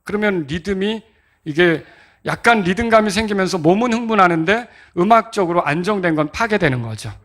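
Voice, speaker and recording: In an animated, slightly quick sermon on hymn rhythm, a pastor with a high, bright, ringing voice keeps quizzing the congregation, getting them to clap and respond. Patient and teacherly, he demonstrates the beats by singing them himself.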